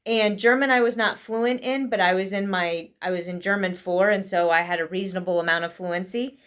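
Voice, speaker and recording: A woman giving a casual spoken lesson with tips for English learners, talking quickly with frequent fillers. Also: mid-range voice, steady tone, a bit bright, clean tone. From United States. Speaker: vlogger teaching English learners.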